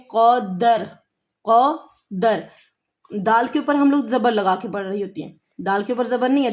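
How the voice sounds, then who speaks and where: Female tajweed teacher with a Pakistani Urdu accent and a somewhat high voice, patient and methodical, drawing recited words out slowly. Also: darkish tone. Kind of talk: tajweed lesson with slow recitation.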